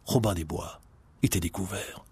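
A man narrating a children's storybook in a dramatic, expressive reading. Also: low voice, moderate pace, breathy edge, no room sound.

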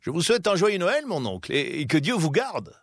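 A man voicing a cheerful, warm-hearted young nephew who speaks with enthusiasm. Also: fairly high pitch, sing-song, slow, voice pushed up.

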